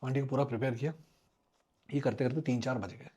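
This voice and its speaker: A middle-aged man, a former air force officer appearing as a podcast guest, tells an animated story fast in a mid-range voice. Mixing Hindi and English, he acts out the people involved and chuckles frequently.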